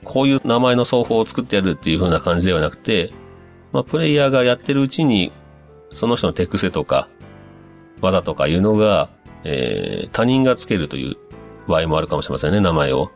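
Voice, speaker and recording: A man hosting a casual talk show, reading listener messages aloud and musing on them in a relaxed, chatty way with plenty of fillers. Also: sits low, fairly quick, faint music behind. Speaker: podcast host.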